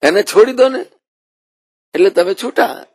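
A man voicing a calm, wise wandering holy man who speaks in a patient, earnest teaching tone. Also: high-pitched, unhurried, no room sound, studio quality, pitched above the performer's own voice, full character voice.

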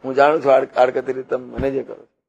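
Man giving a religious sermon, gravelly creaky voice, slow and repeats himself a lot. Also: mid-range voice, level tone, darkish tone, dull audio, slight background noise. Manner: slow, repetitive teaching with frequent rhetorical questions. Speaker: religious preacher. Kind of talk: devotional sermon with parables.

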